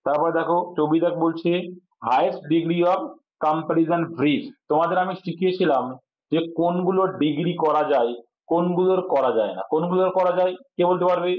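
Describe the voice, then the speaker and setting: A man with a somewhat high voice teaches an exam-prep English grammar lesson at a fairly quick pace. He works through it step by step, quizzing students and answering his own questions, all in tinny, phone-like audio.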